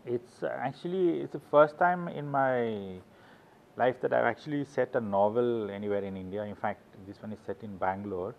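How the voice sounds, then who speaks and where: A middle-aged Swedish author, whose first language is Swedish, rambles through anecdotes in English during a casual interview, halting and restarting often. His mid-range voice is creaky, and the lo-fi audio is somewhat muffled.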